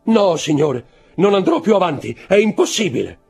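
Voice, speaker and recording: A man reading an audiobook, voicing a terrified, superstitious male Corsican steward who shouts and pleads desperately. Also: medium pitch, big pitch swings, moderate pace, breathy edge, faint music behind, voice pushed up. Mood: panicked. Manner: shouting, desperate, trembling pleas.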